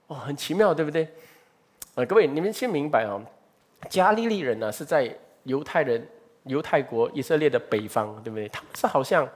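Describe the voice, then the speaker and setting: Male preacher, sermon teaching, lively pitch, conversational, asks the audience questions.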